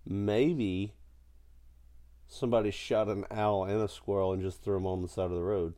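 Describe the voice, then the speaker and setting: A man's voice: fairly low pitch, steady tone, normal speed, mellow. A middle-aged man who is sick with a cold, chatting casually and jokingly as a podcast co-host. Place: at home in a house.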